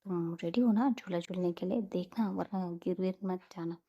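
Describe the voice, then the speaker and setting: A gentle young mother speaking calmly and reassuringly, voiced by a woman narrator. Her tone is soft, dark and mellow with a husky breath. Low fry rounds out the words. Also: normal speed, lo-fi sound.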